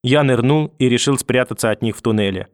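A man narrating an audiobook in a calm, measured storytelling manner. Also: medium pitch, clear, resonant tone, dry recording, studio quality. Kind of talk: scripted narration.

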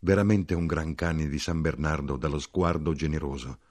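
A man narrating a literary audiobook in a measured, evocative way. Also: extremely low pitch, fairly even intonation, darkish tone.

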